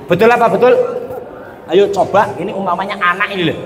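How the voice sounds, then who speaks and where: A man's voice: sits high, a little fast. A man preaching a humorous sermon to a crowd, joking playfully and often asking the listeners to agree. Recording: echoey reverberant sound with faint ambience.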